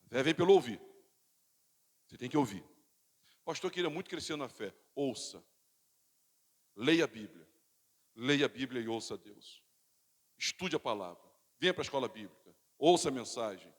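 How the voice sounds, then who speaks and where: A male pastor, preaching a sermon with dynamic swings from loud calls to quiet asides, and calling on the congregation to repeat after him. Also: medium pitch, animated, moderate pace, long pauses. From Brazil. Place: church sanctuary. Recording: reverberant church hall.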